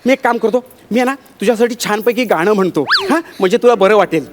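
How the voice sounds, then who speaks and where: An actor playing a flustered, doting young husband in a stage comedy sketch. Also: male voice, high voice, fast, background noise, close to an everyday voice. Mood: fussing. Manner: exclamatory and fussing. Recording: live stage with loud music and audience laughter.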